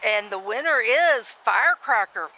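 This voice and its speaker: A woman commentating a simulated wrestling match in a loose, chatty way. Her voice is bright and sharp. She rambles, restarts her sentences and reads viewer comments aloud. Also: a little high, lively intonation, a little slow, a little hiss or hum, low-quality recording. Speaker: play-by-play commentator.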